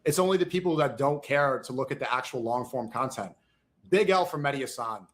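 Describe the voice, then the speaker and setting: A man's voice: medium pitch, lively intonation, fairly quick, a bit bright. A man in a played clip, ranting indignantly and speaking directly to his critics. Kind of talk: streamer rant.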